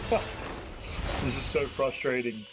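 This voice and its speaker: A man hosting a gaming livestream, loud and frustrated, swearing in outbursts as he plays. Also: medium pitch, fairly even intonation, unhurried. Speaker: game streamer and host. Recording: game music behind.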